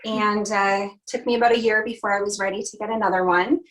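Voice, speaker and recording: A woman's voice: medium pitch, steady tone, a little fast, fairly bright tone, slight background noise, rough recording. A young adult woman from Canada, a country singer, chatting upbeat and laughing often in a casual video-call interview.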